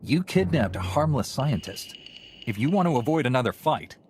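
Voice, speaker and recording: An actor playing a calm, resolute heroic knight in a video game, speaking in a measured, assured and formal way. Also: male voice, medium pitch, slight background noise, natural voice. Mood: firm. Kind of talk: video game cutscene acting.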